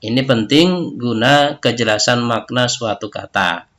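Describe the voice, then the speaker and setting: A man's voice: medium pitch, measured pace, fairly bright tone. A male teacher giving a recorded lesson, explaining step by step and tagging his sentences with a questioning "ya". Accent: Indonesian.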